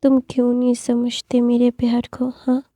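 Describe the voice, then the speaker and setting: A woman's voice: a little high, monotone, a little slow, creaky, mellow, dry recording, studio quality. A woman voicing a lovesick young male emperor who pleads tearfully and repeats himself in a storybook reading. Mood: pleading.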